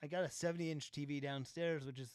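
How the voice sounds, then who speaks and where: A man with a fairly high, clear, resonant voice talks fast and steadily on a live stream, with no echo. As a filmmaker working on his color grading, he chats casually and rambles, leaning on fillers, laughing often, and occasionally swearing.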